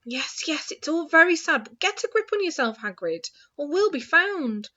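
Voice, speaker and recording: A woman voicing a stern, anxious older witch professor who scolds briskly in hushed tones, in a dull lo-fi recording. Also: high voice, big pitch swings, voice pushed up, exaggerated voice. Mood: scolding.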